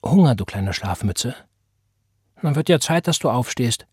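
A man voicing an earnest, eager little girl with a husky voice, in an audiobook reading. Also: medium pitch, expressive, unhurried, darkish tone, no echo, studio quality.

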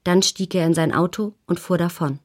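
A woman calmly narrating a novel in the first person as an audiobook reader. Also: lowish voice, moderate pace.

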